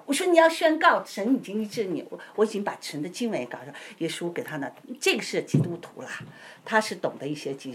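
Woman, church testimony teller, animated storyteller, lowish voice with a very lively melody, faint background noise. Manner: keeps asking "you know?", acts out voices.

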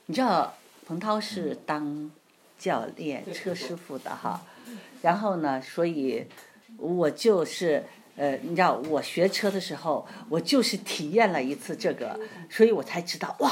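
A woman giving an informal church talk on marriage, telling stories with lively emphasis and frequent laughter. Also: sits low. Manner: animated storytelling, laughs often. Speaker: church speaker.

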